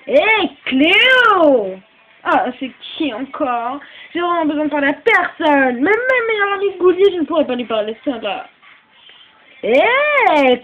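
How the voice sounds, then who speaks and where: A woman's voice: high-pitched, a bit bright, muffled recording. A woman voicing all the characters in a homemade fan dub, switching voices and often sounding tearful. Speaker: fan voice actor doing all parts.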